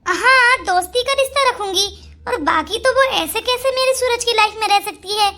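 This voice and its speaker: Someone doing a jealous whiny cartoon bahu, really high pitched, sharp and bright, plotting away. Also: moderate pace, full character voice. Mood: scheming. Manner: whiny, complaining. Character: jealous scheming young wife.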